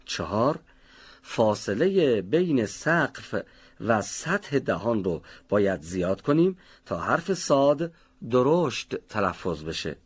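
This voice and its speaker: Man teaching recitation, husky tone, lively rising and falling pitch, slow careful word drills. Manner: slow, deliberate pronunciation of example words. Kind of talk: instructional lesson. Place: recording studio.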